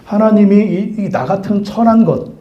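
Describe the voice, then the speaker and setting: A woman's voice: mid-range voice, moderate pace, reverberant, lo-fi sound, pitched above the performer's own voice, lightly acted. A male pastor voicing a desperate pregnant servant woman, plaintive and pleading. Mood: wondering.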